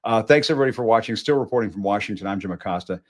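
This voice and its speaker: Emphatic male host, lowish voice. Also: racing, very noisy. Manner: conversational, emphatic, swearing. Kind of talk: live news show sign-off. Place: Washington studio.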